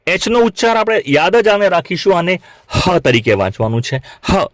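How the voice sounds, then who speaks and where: Male phonics teacher, from Gujarat, higher-pitched, drills learners through repetition, dry room. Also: big pitch swings, dry recording. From Gujarat, India. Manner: repeats sounds slowly and asks learners to say them back. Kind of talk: classroom lesson for beginners.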